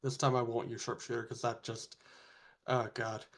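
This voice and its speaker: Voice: mid-range voice, flat delivery, moderate pace, gravelly. A tabletop game player who chats casually and swears at bad dice rolls.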